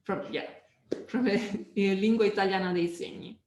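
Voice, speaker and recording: A woman teacher trainer giving an online teaching webinar, lively and demonstrative, sometimes singing or humming examples. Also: medium pitch, normal speed, reverberant, slight background noise, poor audio.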